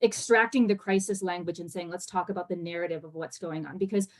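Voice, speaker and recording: A woman immigration lawyer answering on a panel discussion over a video call, speaking quickly and earnestly with many fillers and restarts. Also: fairly low pitch, fairly even intonation. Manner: fast-talking, earnest, with frequent fillers and restarts.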